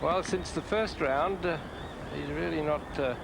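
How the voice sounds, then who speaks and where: Man calling golf in a creaky voice, chatty short remarks, loud outdoor noise behind. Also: on the high side, a little slow. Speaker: golf commentator. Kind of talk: live golf commentary. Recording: very noisy outdoor broadcast sound.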